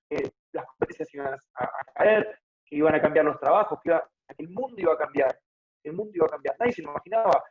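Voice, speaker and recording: A man's voice: on the high side, narrow, tinny audio. A man in his thirties with an Argentine accent, explaining his ideas at length as a guest in a casual interview, often adding tag questions. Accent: Argentine Spanish (Buenos Aires). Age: 30s. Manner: explanatory, thinks aloud with frequent tag questions. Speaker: guest, fitness motivator.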